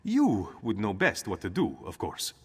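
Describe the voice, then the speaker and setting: An actor playing an anxious, excitable male lizard-folk ally in a game cutscene, with formal, fussy speech. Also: on the low side, unhurried, a little hiss or hum. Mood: eager.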